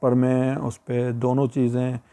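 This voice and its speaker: A man's voice: medium pitch, little pitch movement, unhurried, warm tone, clean tone. A man with a Pakistani Urdu accent, a YouTuber giving casual, repetitive advice and talking to viewers as friends. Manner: chatty and advising, repeats points, speaks to viewers as friends.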